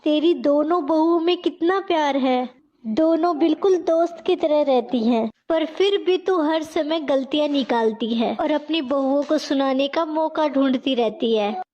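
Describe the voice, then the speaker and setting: A woman voicing a gentle, chatty middle-aged neighbor in a storybook tale. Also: high-pitched, unhurried, lo-fi sound. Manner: soothing, chatty.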